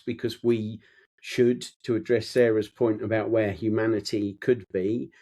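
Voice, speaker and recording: A man talking reflectively on a podcast, pausing and restarting as he searches for words. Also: lowish voice, warm tone. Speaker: podcast co-host.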